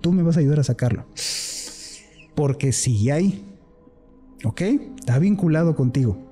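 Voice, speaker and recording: A man voicing a calm woman psychic who gently guides and reassures him. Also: a little high, normal speed, faint music behind, close to an everyday voice. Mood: firm, guiding.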